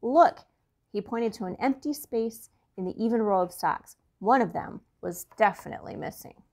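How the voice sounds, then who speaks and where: A woman reading a children's storybook aloud, chatty and expressive. She tells the story to young listeners in a mid-range voice. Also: mid-range voice, normal speed.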